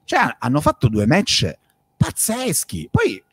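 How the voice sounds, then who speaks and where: A man with a Sicilian Italian accent chatting casually about fights in an animated, slangy storytelling manner. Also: on the high side, takes it slowly, slightly rough, no echo, clean studio sound.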